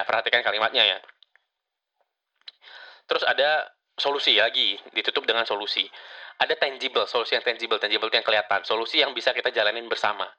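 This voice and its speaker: A man's voice: mid-range voice, bright, forceful tone. A middle-aged man hosting a casual solo podcast, talking conversationally with lots of tag words and fillers. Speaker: podcast host. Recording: slightly distant, dull lo-fi mic.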